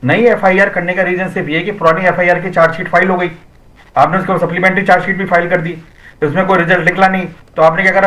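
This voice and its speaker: A man's voice: sits high, sharp tone, low-quality recording. A man arguing insistently as a panelist in a heated TV news debate. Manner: fast, insistent, argumentative.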